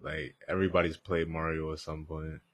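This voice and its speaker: A man's voice: extremely low pitch, level tone, brisk, a bit bright. A young man co-hosting a podcast, talking in an easygoing, slangy way with short agreeing replies. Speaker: podcast co-host. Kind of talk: casual chat.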